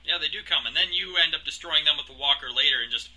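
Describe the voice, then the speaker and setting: A man's voice: a little high, quick pace, sharp tone, a little hiss or hum, poor audio. A young man co-hosting a casual gaming news chat, easygoing and steering back to the news.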